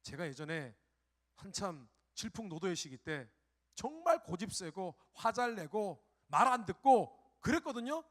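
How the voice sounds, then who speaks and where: A middle-aged pastor preaching a sermon who swings between hushed reflection and loud, pleading cries and acts out his own prayers. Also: sits high, very animated, unhurried.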